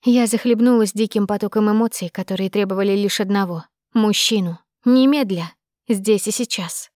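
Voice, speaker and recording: A woman reading a first-person audiobook with expressive, measured storytelling. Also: medium pitch, no room sound, studio quality. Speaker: narrator.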